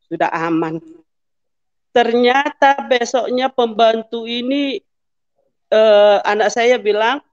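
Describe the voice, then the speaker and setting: A woman's voice: on the high side, slow, long pauses, dry recording, highs cut off. A woman in her fifties giving an emotional testimony to a pastor, acting out the dialogue and rising into pleading prayer.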